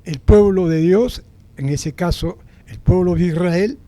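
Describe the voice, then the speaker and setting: High-voiced animated male pastor preaching. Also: measured pace. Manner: animated, repeats phrases for emphasis, asks the congregation questions. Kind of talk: sermon.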